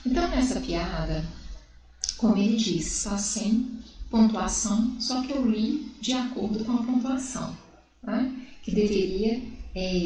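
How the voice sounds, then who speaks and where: A woman's voice: medium pitch, darkish tone, far from the mic. A woman from Brazil teaching a recorded school lesson, asking questions and answering them herself. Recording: echoey room, voice from away from the mic.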